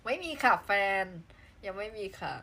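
A playful woman from southern Thailand hosts a casual live stream and greets viewers as their comments roll in. Her talk is quick to burst into exclamations, with a faint hiss of noise underneath. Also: bright, forceful tone. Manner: chatty and playful, with frequent exclamations.

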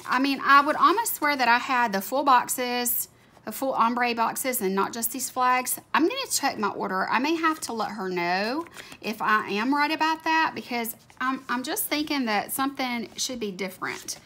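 With a little high, pushed, bright voice that has a slight scratchiness, a planner video creator chats while decorating her planner and raving about cute stickers. The overhead camera at her home desk shows her hands. Behind her are faint room sounds and a snoring dog.

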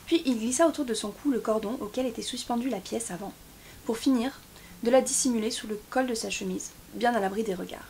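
A woman reading a novel chapter aloud in a steady voice, with small slips and restarts now and then. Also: on the high side, a little hiss or hum. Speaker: book YouTuber.

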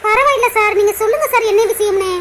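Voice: very high-pitched, fast, a bit bright, a little hiss or hum. A voice actor playing a timid young woman in love who pleads and frets in a cartoon. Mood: nervous. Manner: pleading, repeatedly says sir. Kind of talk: cartoon voice acting.

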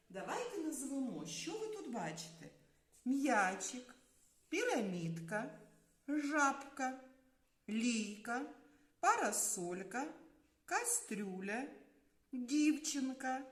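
A woman preschool teacher giving a slow, clear lesson to small children, drawing out her words in a sing-song way with long pauses. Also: on the high side. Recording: very echoey room.

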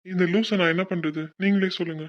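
A woman's voice: on the low side, fast talker, muffled recording, close to an everyday voice. A woman voicing a good-natured young man in love, teasing and easygoing, in a cartoon. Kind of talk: cartoon voice acting.

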